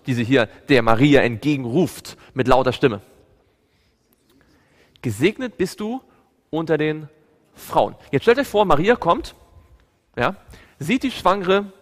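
German-speaking preacher man in a reverberant hall. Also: medium pitch. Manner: asks the audience questions, animated storytelling. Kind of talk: Bible study sermon.

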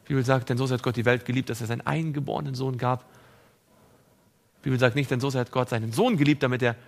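A man preaching a sermon, reading scripture and speaking directly to his listeners, moving between raised, emphatic passages and hushed ones. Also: mid-range voice, steady tone, quick pace, gravelly. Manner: addresses listeners directly and personally; reads scripture aloud within the sermon.

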